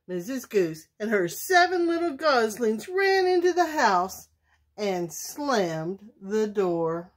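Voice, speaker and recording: Woman, bedtime story reader, slow, expressive, storyteller. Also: mid-range voice. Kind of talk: bedtime story read-aloud.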